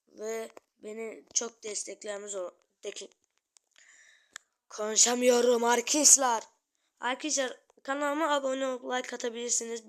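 A woman giving excited live gameplay commentary as a channel host, talking to her viewers and yelling taunts at opponents. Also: on the high side.

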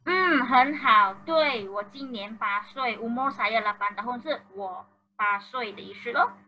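A woman teacher speaks Malaysian Mandarin with Malay and English words mixed in, coaxing and praising her young pupils in an online class. Her voice is high and very bright. The call audio comes through dull and lo-fi. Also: measured pace. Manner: encouraging, coaxing. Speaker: primary school teacher. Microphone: video call.

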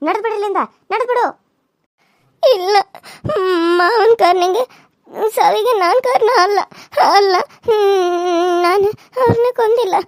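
High-pitched woman voicing a cartoon serial. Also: slow, pauses often, no echo, studio quality. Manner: wailing, pleading and scolding in turns.

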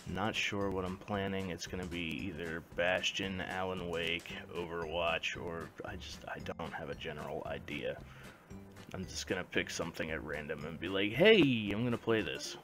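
A man's voice: low voice, steady tone, normal speed, sharp tone, faint music behind. A young man giving a casual vlog update as a video creator, speaking into a headset indoors. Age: young adult. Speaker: video creator, gaming vlogger. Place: small bedroom indoors.

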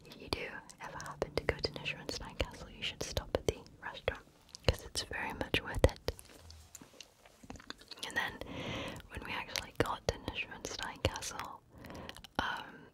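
A woman whispering softly and very close to the microphone in an ASMR style, chatting casually and reflectively about her travels. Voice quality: soft unvoiced whisper. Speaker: ASMR creator.

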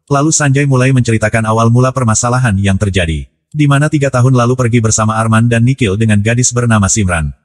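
A man with an Indonesian accent narrating a scripted film recap in a brisk, even storytelling delivery. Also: mid-range voice.

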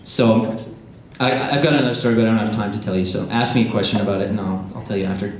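A man in his thirties giving an informal, jokey, halting, self-deprecating stage talk as a science presenter. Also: on the low side, steady tone. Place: theatre stage before an audience. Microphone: handheld microphone. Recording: echoey theatre PA with audience noise.

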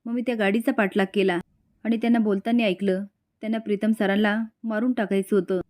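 Woman reading helpful young man, plain, matter-of-fact, middle pitch, drama retelling. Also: steady tone, a little fast, darkish tone, natural voice. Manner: plain, recounting.

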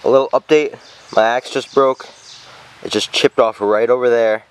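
This time the young bushcraft vlogger's mid-range voice comes through clean, at a moderate pace with fairly even intonation. He describes his forest work in a plain, casual way, recorded on a camera mic either handheld or on a tripod.

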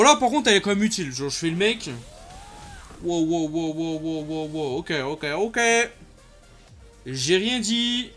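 Young guy hyped up over a mobile game, high voice, slangy, yelling wow at big hits, faint music under. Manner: excitable, slangy, reacts loudly to the game. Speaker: gaming YouTuber. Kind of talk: casual gameplay commentary.

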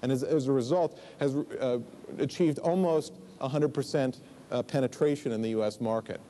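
This keynote speaker, a man in his forties, addresses a large conference stage through a lapel mic. His mellow, mid-range voice moves at a moderate pace as he explains in a chatty way, dropping in asides and fillers.

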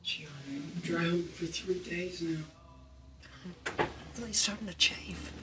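An actor playing a pushy, smooth-talking young boyfriend in a horror-comedy film, coaxing and slangy. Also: male voice, high-pitched, fairly even intonation, moderate pace, background noise, close to an everyday voice. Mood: frustrated. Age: young adult. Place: inside a parked car.

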